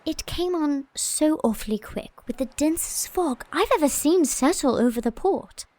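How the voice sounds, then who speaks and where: In an audio drama, an actress plays a blunt, lively young Englishwoman, sounding playful and breathless. Her voice is high-pitched, her pace moderate, and there's an uneasy mood underneath.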